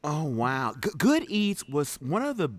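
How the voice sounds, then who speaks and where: A man hosting a casual chat show, excitable and quick to react. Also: fairly high pitch. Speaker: host.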